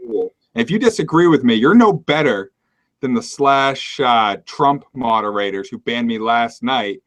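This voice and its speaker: A man from Maine co-hosting a casual political talk show. He rants in a joking, sarcastic way. His voice sits at an ordinary middle pitch. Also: expressive, normal speed. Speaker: podcast co-host.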